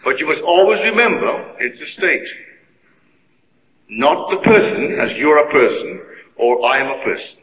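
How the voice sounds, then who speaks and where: A man giving a sermon-like religious lecture, speaking deliberately and emphatically in short, weighty phrases. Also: a little high, sing-song, slight background noise. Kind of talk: sermon-like lecture to a live gathering. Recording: muffled old recording in echoey hall.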